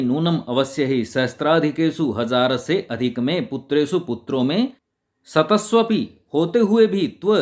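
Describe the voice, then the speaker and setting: A man teaching a Sanskrit lesson, reciting each word and then glossing it in Hindi in a patient, deliberate way. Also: a little high.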